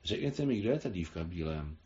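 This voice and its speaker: A man's voice: sits low, sing-song, dark tone, voice pushed down. A man voicing an effusive older French governess, exclaiming with gushing praise, on a slightly dull recording.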